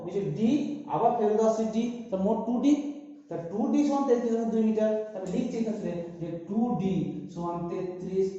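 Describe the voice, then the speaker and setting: A man's voice: sits high, fairly even intonation, brisk, warm tone. A man teaching a physics class, working through sums aloud and answering his own questions. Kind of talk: classroom lecture. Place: large echoey room. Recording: echoey hall, dull lo-fi sound.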